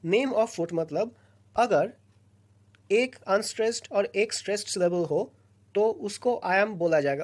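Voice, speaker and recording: A woman teaching a recorded lesson, explaining slowly and patiently in short phrases with pauses between them. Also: mid-range voice, darkish tone. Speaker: lecturer.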